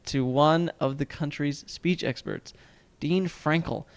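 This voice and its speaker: Young guy cohosting a chatty podcast, jokey, reads stuff out loud. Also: fairly high pitch, slow, clear, resonant tone. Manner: joking, reads facts aloud, tries put-on accents. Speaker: podcast co-host. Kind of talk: casual chat.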